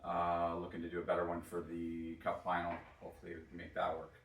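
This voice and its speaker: Deep-voiced hungover man, distant and echoey. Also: completely flat delivery, quick pace, fairly bright tone. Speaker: sports podcast host. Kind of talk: casual solo sports podcast commentary. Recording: roomy echo, distant from mic.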